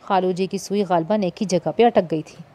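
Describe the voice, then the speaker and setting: A woman's voice: normal speed, dark tone. A woman narrating a novel as an audiobook, lifting her voice for the characters' dialogue. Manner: shifts into higher, livelier voices for characters' dialogue. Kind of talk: reading a novel aloud, voicing characters.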